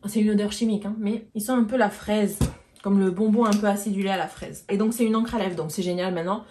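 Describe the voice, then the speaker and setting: A woman's voice: mid-range voice, steady tone, quick pace, dark tone, slight background noise. A woman vlogger chatting casually to viewers as she shows and explains beauty products one by one. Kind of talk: casual product haul chat.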